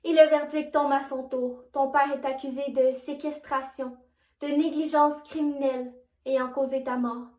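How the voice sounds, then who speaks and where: A young woman delivers a dramatic monologue in a solemn, measured voice. Her voice sits high. The recording carries a noticeable room echo. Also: little pitch movement, a little mellow. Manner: solemn, addresses the listener directly. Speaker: monologue performer.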